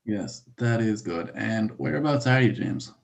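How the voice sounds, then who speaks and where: A man playing a middle-aged psychiatrist who calmly leads an online group therapy session. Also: on the low side. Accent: Irish. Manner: calm, measured host of the session. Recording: gravelly voice over dull video-call audio.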